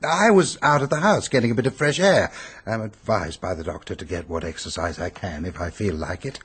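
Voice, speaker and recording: In a radio drama, a male actor voices a pompous, peevish, self-pitying upper-class English hypochondriac who blusters and complains. His voice is low, husky, and fairly quick, and he sounds grumbling.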